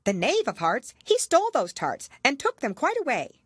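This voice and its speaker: A woman voicing an officious, excitable rabbit court herald in a storybook, crying out proclamations. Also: high-pitched, moderate pace, breathy edge, no room sound, clean studio sound, pitched above the performer's own voice, heavily acted. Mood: proclaiming.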